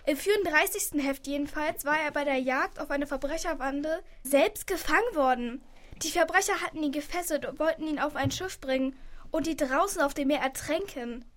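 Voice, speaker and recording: A woman's voice: high-pitched, moderate pace, a bit bright. A woman narrating a children's radio play, chatting to the listeners in a confiding way.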